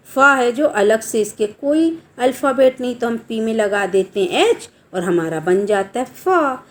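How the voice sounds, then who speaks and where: A woman teacher giving a grammar lesson to children, spelling out letters slowly and quizzing her students. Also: high-pitched.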